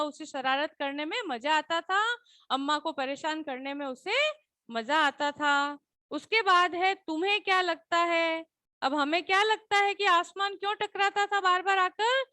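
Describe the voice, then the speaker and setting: A woman's voice: very high-pitched, sharp tone, no room sound. A woman teacher explaining a Hindi lesson to schoolchildren, patient, repeating questions and often asking "है ना?" to check they follow.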